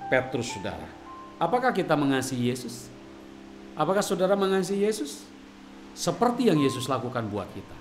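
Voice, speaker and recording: A man's voice: medium pitch, a bit bright. A man preaching a sermon, speaking straight to his congregation and now and then singing a bit of a worship song. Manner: addresses the congregation directly, sings snatches of worship songs. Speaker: pastor.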